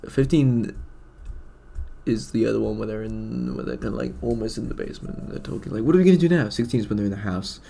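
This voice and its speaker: A man's voice: fairly low pitch, creaky, a little mellow. A man animating at his computer, talking to himself in a rambling, fretful way with many restarts. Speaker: animator and video creator. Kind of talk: casual self-talk while working.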